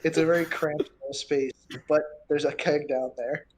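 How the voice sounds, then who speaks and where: Male game master, slightly high voice. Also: steady tone, unhurried, darkish tone, a little hiss or hum. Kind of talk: narrating a tabletop game.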